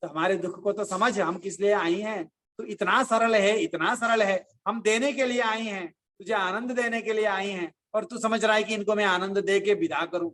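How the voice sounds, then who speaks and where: A religious teacher with a high-sitting voice gives a devotional discourse, chanting verses slowly and then explaining them through animated storytelling.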